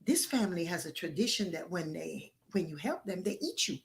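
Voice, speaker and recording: A woman's voice: fairly low pitch, very animated, brisk, vocal fry. A woman voicing a kind but cautious male monkey in a spiritual teaching story, hesitant about helping a dangerous relative. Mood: wary. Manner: wary, hesitant.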